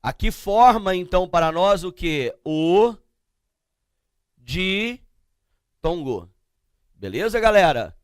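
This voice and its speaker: A middle-aged Brazilian man teaching grammar to a class, slow and emphatic, asking questions and answering them himself as he spells out letters and sounds. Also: sits high, big pitch swings, smooth, no echo, studio quality. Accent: Brazilian Portuguese.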